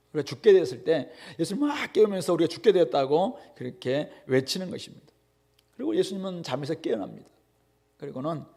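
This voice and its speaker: A male pastor delivering a conversational sermon. His fairly high voice rises and falls expressively. He often pauses on fillers and poses rhetorical questions. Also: creaky, mellow, breathy edge.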